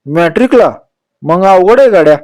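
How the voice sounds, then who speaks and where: A man voicing a gruff older male vegetable seller in a village market, who growls short, curt questions. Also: high voice, lively intonation, moderate pace, darkish tone, pitched above the performer's own voice.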